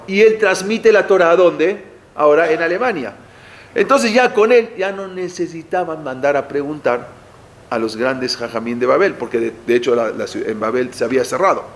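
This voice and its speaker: Male lecturer, slightly raised pitch, chatty question-and-answer teaching style. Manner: conversational, asks the audience rhetorical questions, frequent "eh" and restarts. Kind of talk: explanatory lecture.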